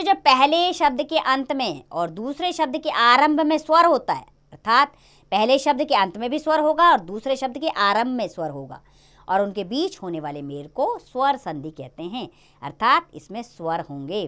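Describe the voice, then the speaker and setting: A woman teaching a grammar lesson to children, explaining rules step by step and stressing each example. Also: a little high. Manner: lively, sing-song explaining with stressed examples.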